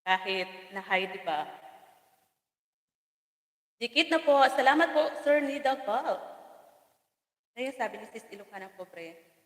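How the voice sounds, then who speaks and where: A woman's voice: fairly high pitch, lively intonation, unhurried, pauses often. Bicolano woman live-streaming on her phone, chatty and teasing, laughing a lot; long-tailed echo around her. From Bicol region, Philippines. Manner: chatty and teasing, laughs often, stumbles over names. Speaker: farm vlogger hosting a live stream. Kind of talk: casual live-stream chat reading viewer comments. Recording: echoey room with long reverb.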